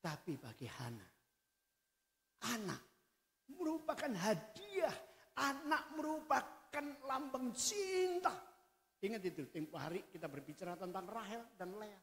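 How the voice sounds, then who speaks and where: A male pastor preaching a sermon, swinging between quiet and loud delivery. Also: high voice, big pitch swings, a little slow. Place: hotel function room used for a church service. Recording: echoey hall reverb.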